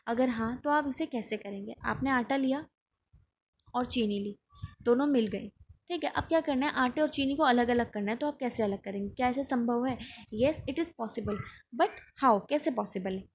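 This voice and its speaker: A woman's voice: fairly high pitch, moderate pace. A woman teaching a science lesson, explaining textbook answers and often checking in with the listener.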